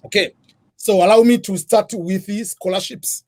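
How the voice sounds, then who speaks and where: A man's voice: high voice, fairly even intonation, moderate pace, darkish tone. A middle-aged man from Tanzania, a guest in an interview, explaining methodically in numbered points. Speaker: guest, scholarship advisor.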